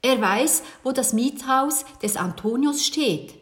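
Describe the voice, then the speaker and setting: A woman's voice: high voice, animated, takes it slowly, voice pushed up. A woman voicing a bold young boy. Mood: confident. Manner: confident, announcing. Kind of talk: children's audiobook reading.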